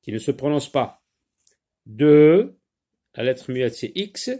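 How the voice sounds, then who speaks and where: A man with a medium-pitched, expressive, darkish and slightly rough voice teaches a French spelling lesson at a moderate pace. He spells words letter by letter, stresses each dictated word, and speaks directly to pupils and parents.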